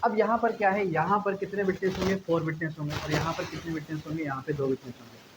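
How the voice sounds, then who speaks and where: This is a lecture aimed at exam prep: a man with a Pakistani accent reads legal clauses, then explains them, often repeating key phrases and answering his own questions. His voice is slightly high and steady in tone, and he talks at a quick pace. Sound quality is dull and lo-fi, with faint background noise.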